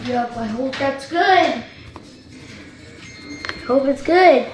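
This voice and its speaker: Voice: high-pitched, animated, extremely slow, roomy sound, over music. A playful speaker joking with viewers while seasoning food for a casual cooking vlog.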